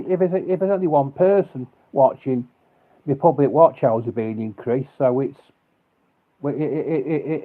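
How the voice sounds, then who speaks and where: Halting man on a tinny line. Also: a little high. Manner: halting, repeats words often. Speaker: live stream host. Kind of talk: casual live stream chat. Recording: tinny phone-like sound.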